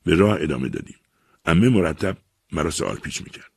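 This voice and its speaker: A man narrates a literary story in a measured, expressive reading voice. His voice is deep and husky, with lively intonation, recorded close and dry. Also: dry recording. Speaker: audiobook reader.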